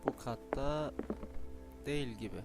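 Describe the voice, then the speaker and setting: A man's voice: mid-range voice, lively intonation, unhurried, creaky. A man casually commenting on a video game as he plays, musing and talking to himself. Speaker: gamer. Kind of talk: let's play commentary. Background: loud game music.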